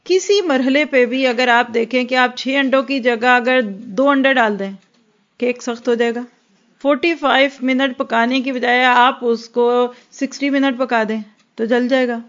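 A woman's voice: sits high, fairly even intonation, a bit bright. A woman giving an earnest religious lecture, acting out little scenes between mothers and children. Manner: earnest, acts out mothers and children in quoted asides. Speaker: religious teacher. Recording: dull lo-fi recording.

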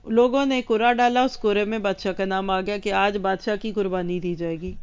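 A woman's voice: medium pitch, fairly even intonation, clear, resonant tone, lo-fi sound. A woman religious teacher giving a lesson to women, speaking earnestly and addressing her listeners directly.

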